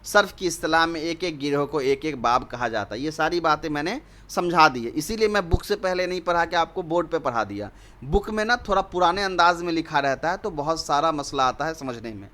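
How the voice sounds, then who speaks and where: Bright-voiced man teaching Arabic grammar. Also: fairly high pitch, animated. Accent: Indian Urdu. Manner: explains step by step with English words mixed in. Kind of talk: online lesson.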